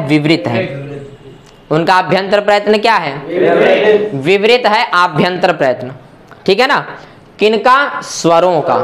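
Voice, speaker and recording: A man's voice: high voice, fairly bright tone. A man teaching Sanskrit grammar as a lesson, asking questions and answering them himself and checking often that the listener follows. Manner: asks and answers his own questions, checks understanding often. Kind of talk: classroom explanation.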